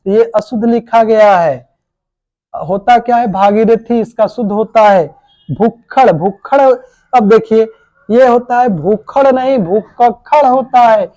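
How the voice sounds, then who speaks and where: A coaching teacher with a high, mellow voice gives an exam-prep spelling lesson in a recording free of echo. He poses questions and answers them himself, calling his students "babu" and "bhai."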